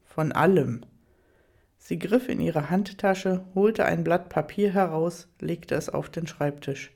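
A woman reads an audiobook story aloud at a measured, even pace. Her voice is low and mellow. She narrates steadily. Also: vocal fry, slightly rough.

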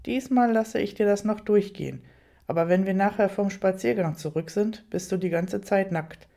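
A woman's voice: fairly low pitch, big pitch swings, unhurried, dark tone, heavily acted. A woman reading an audiobook, voicing a stern and teasing adult male lover in a commanding, playful tone.

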